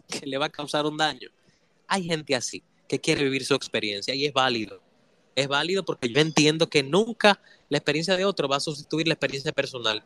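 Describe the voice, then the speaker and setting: A man's voice: mid-range voice, bright, forceful tone, no room sound. A man giving a motivational talk, emphatic and asking his listeners rhetorical questions. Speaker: motivational speaker.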